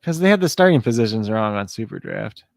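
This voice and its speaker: A man from Illinois co-hosting a fantasy sports show in relaxed, chatty talk that often trails off mid-sentence. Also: fairly low pitch, fast talker, creaky. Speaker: fantasy sports podcast co-host. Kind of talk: casual chat.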